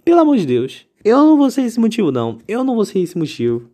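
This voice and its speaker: A young man with a Brazilian Portuguese accent in a casual confessional monologue, dramatic and animated, jumping into high exclamations. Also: fast talker. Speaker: vlogger.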